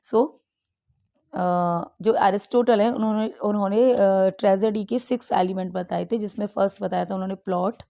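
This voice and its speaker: A woman with an Indian accent teaching an exam-prep English lesson. She reads each practice question slowly in English, then explains it in Hindi mixed with English. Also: medium pitch, fairly even intonation, vocal fry, warm tone.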